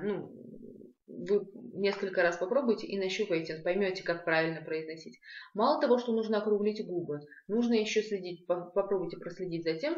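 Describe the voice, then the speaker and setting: A woman teaching a language lesson, patiently repeating sounds slowly and clearly. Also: mid-range voice, a little mellow. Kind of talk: video lesson on pronunciation. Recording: echoey room, dull lo-fi sound.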